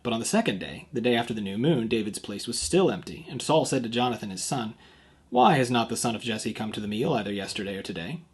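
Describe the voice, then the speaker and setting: Husky guy reading a bible passage, stops to explain it in plain terms. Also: medium pitch, lively intonation, fast. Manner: reads the passage aloud, breaks off to explain it plainly. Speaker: youth pastor. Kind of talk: devotional scripture reading and commentary.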